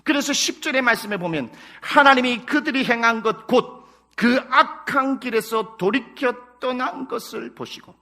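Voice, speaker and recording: A man's voice: very high voice, sharp tone. A male pastor preaching a sermon in a Chungcheong Korean accent, emphatic, breaking into dramatic acted prayers and quotes.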